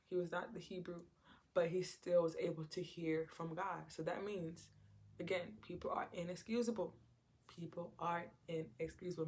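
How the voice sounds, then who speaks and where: A preacher with a fairly low-pitched, darkish voice gives an informal, conversational Bible teaching. She repeats her phrases and acts out quotes.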